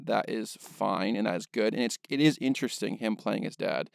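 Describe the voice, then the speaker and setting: A man's voice: lowish voice, moderate pace, vocal fry, dry recording, clean studio sound. A man co-hosting a casual film podcast, thinking aloud and picking apart why a movie works or not, with lots of "like" fillers. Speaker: podcast co-host, filmmaker.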